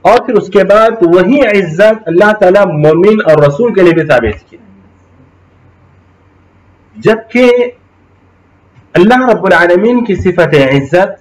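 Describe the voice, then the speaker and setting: A man's voice: sits high, rough recording. A male Islamic studies teacher giving a classroom lecture, explaining Arabic terms, checking in with his students and reciting Quranic verses.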